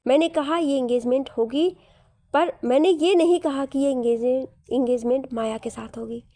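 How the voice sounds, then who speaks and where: A woman's voice: sits high, normal speed, warm tone, no echo, close to an everyday voice. A woman reading as a stern royal father, commanding. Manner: firm, commanding declarations.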